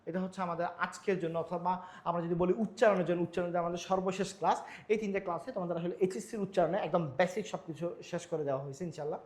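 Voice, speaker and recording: Young male tutor, high and fast, rhetorical-question lecturing style. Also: fairly even intonation. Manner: repetitive, quizzing himself with rhetorical questions. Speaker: Bengali grammar teacher. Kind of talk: exam-prep lecture over slides.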